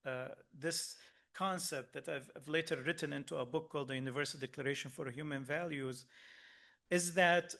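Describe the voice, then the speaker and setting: A man originally from Lebanon giving a workshop talk, earnest and hesitant, with frequent pauses and restarts. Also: a little high, fairly even intonation, gravelly, sharp tone. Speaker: workshop speaker.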